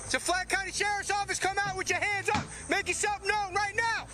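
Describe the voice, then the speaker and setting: A male sheriff's deputy outdoors at night, giving loud, commanding orders through a loudspeaker from far off. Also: very high voice, level tone, fast talker, loud music behind the voice.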